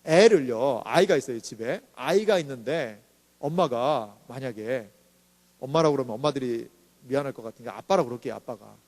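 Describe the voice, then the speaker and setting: A man's voice: mid-range voice, lively intonation, a little fast, a little mellow, in a large hall. A male pastor preaching a sermon in a chatty way, often asking the congregation questions.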